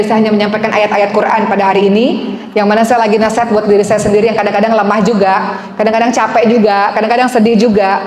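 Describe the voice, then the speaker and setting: A woman's voice: on the high side, a little hiss or hum. Young woman preaching in an echoing hall. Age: young adult. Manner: lively, coaxing, asks the audience questions. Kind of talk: sermon to a women's gathering. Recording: echoey hall with long reverb.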